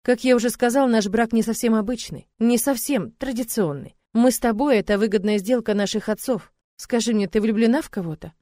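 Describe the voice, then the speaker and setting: A woman voicing a reserved young husband who speaks in a measured, reassuring way. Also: a little high, dark tone, dry recording, studio quality, lightly acted. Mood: calm.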